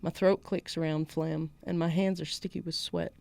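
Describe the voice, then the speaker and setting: A woman reads first-person literary fiction aloud in a low, gravelly, slightly mellow voice with little pitch movement and a moderate pace. She plays a defiant small-town schoolgirl in a put-on Southern US accent, and her tone is wry and defiant.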